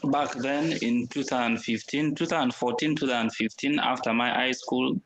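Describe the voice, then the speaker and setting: A man's voice: mid-range voice, fairly even intonation, moderate pace, fairly bright tone, a little hiss or hum. A young man from Uganda, talking as a guest over a video call from a veranda, hesitant and often restarting. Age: young adult. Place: veranda outdoors.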